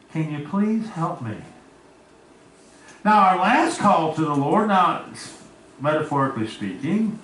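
A man's voice: mid-range voice, a bit bright, a little hiss or hum. A man preaching a sermon as pastor, telling homespun stories and calling out to members of the congregation by name. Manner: folksy storytelling, talks to congregation members by name. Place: church sanctuary. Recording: echoey room, voice from far off.

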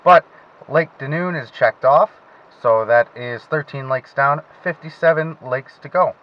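A man with a mid-range voice chats unhurriedly to an action camera mounted on his small boat while fishing on a lake. As a fishing vlogger making a casual vlog, he's chatty and talks to himself as he fishes, and the recording sounds muffled.

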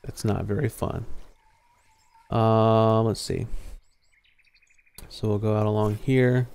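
A man's voice: lowish voice, level tone, slow, gravelly, a little mellow, clear, resonant tone. A young man casually explaining a fishing game as he plays it on a live stream. He talks into a headset mic and drifts into fillers and trailing thoughts. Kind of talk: casual live gameplay commentary.

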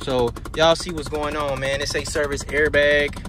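A man with a fairly high voice talks loosely and profanely to his viewers from inside a moving car. Loud road noise and engine rumble run under everything he says. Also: level tone, moderate pace. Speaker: car flipper vlogger. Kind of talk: casual vlog while driving.

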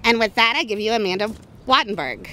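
A woman's voice: mid-range voice, sing-song, fast, pushed and bright, a little hiss or hum. A woman, a communications officer, giving an upbeat, formal ceremony speech.

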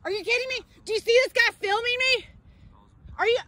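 A woman with a sharply high-pitched voice yells at officers in an outdoor park. She is defiant and relentless, repeating herself again and again as she confronts them. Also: brisk. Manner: yelling, defiant, repetitive demands. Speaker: mother confronting police. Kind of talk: heated street confrontation.

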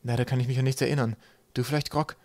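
A man voicing an earnest young male sky-pirate captain, speaking eagerly and a little higher than his narration. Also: steady tone, fast, a little mellow, no room sound, lightly acted.

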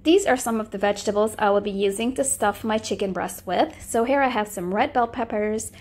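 A woman's voice: mid-range voice, brisk, a little mellow. A woman hosting a cooking channel, giving friendly step-by-step recipe instructions in a voice-over.

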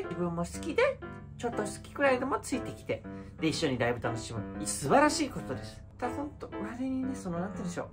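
Young male host, comic rant with high shrieks and wails, very lively pitch, music underneath. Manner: animated and theatrical, with high shrieks and mock wails. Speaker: idol and channel host. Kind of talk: comedic ranting monologue. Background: background music.

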